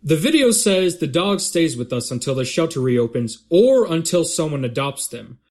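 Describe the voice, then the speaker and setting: A man's voice: fairly high pitch, very animated, moderate pace, darkish tone. A man playing a fussy, hesitant dad. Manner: hesitant, with many uhs. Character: cautious, fussy family dad. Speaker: father.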